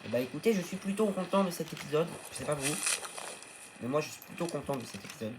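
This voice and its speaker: A man's voice: on the high side, lively intonation, fast, background noise. Chatty man narrating his gameplay. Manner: chatty, coaxing his tamed creatures aloud. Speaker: gaming video host. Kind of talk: casual let's-play commentary.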